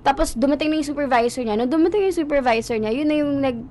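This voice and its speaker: A young Filipino woman, a talk show guest who tells her side of a story, switching between Tagalog and English and quoting others in between. Her voice sits a bit high, with faint noise behind it. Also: fast talker, dark tone. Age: young adult. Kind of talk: casual radio talk show interview.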